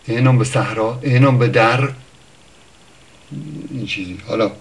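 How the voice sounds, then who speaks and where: Man explaining word origins, unhurried. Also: medium pitch. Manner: thinks aloud, with pauses and self-corrections. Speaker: language teacher. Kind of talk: informal spoken lesson on word origins.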